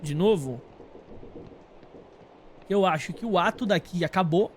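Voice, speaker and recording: A man's voice: sits high, a little slow, a little hiss or hum. A Brazilian man giving casual, slangy game commentary to his chat, thinking aloud as he plays. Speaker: game streamer talking to live chat.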